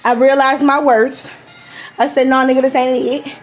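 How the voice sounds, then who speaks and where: A woman's voice: high-pitched, flat delivery, normal speed, faint music behind. A woman telling a personal story to camera in a blunt, profane, casual way, laughing often.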